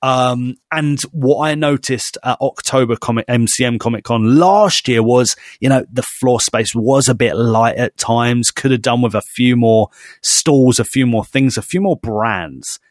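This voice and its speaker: A British man hosting a casual chat in an enthusiastic, blokey way full of slang. His voice sits at a medium pitch and sounds dry, with no room around it. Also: a little slow, no room sound. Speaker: host.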